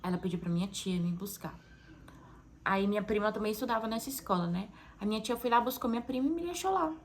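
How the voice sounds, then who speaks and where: A young Brazilian woman speaks in a casual, confessional monologue, her accent clear as she opens up about her own life. She sounds heartfelt and chatty, often tagging her sentences with little check-ins to the listener. Her voice sits at a middle pitch, with a faint hiss of noise behind it. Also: fast talker, low-quality recording. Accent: Brazilian Portuguese. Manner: chatty and heartfelt, frequent "né" and "sabe" tags. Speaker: mother sharing a personal testimony.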